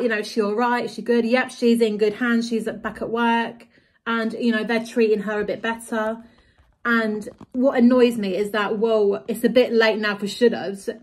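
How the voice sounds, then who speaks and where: A woman talking casually at home into a handheld phone, rambling, with lots of "like" and "you know". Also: on the high side. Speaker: vlogger. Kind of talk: casual confessional vlog. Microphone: handheld phone camera.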